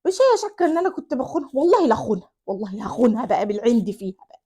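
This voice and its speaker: A woman's voice: on the high side, fast, lightly acted. A woman playing an exasperated Egyptian husband. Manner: grumbling, bursts of loud exasperation. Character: weary exasperated husband, man, grumbling.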